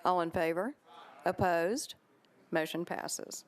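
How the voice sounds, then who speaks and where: A woman with a lowish voice, serving as vice mayor, chairs a council meeting. She reads bill titles and calls votes in a brisk, procedural manner.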